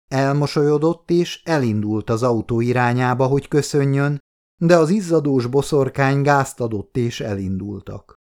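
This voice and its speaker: A man reading a novel aloud as an audiobook narrator, steady and measured. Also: medium pitch. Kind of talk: scripted narration.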